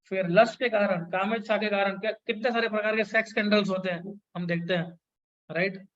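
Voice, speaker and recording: Man, high voice, scripture lecture, slow chanted verses, slightly dull recording. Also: steady tone, fairly bright tone. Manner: chants Sanskrit verses slowly, mixes English phrases. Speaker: devotional speaker.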